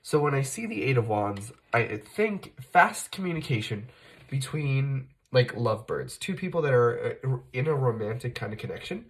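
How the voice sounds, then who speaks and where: A man who hosts a tarot channel chats through a reading while battling a cold that brings an occasional cough. He speaks at a normal speed with medium pitch and lively intonation, conversational and full of fillers, often correcting himself.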